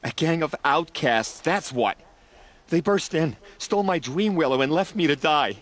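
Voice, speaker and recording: A man playing an aggrieved, excitable herb gatherer in a video game, with a dramatic, indignant delivery. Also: fairly high pitch, moderate pace. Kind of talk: video game dialogue acting.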